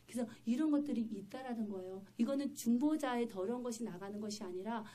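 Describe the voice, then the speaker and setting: A woman's voice: on the high side, fast, mellow. A woman pastor preaching a sermon in church, telling her story vividly and with emphasis.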